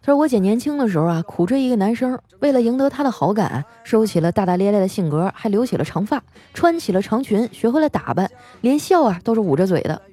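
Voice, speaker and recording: A woman's voice: mid-range voice, sing-song, quick pace, hardly any pauses, mellow. A woman radio host reading out listener jokes in a playful, teasing way and laughing often.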